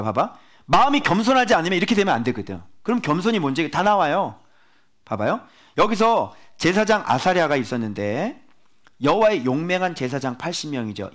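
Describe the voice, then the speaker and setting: Pastor guy preaching a sermon, high pitched, swings up and down a lot, asks the room questions. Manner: animated, emphatic preaching with rhetorical questions.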